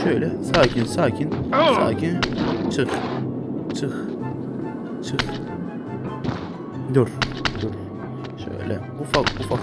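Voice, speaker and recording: Frantic Turkish man yelling at a game. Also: on the high side. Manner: frantic pleading and cursing at the game, swings from muttering to yelling. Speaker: gaming YouTuber. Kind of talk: let's play commentary. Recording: game music playing under the voice.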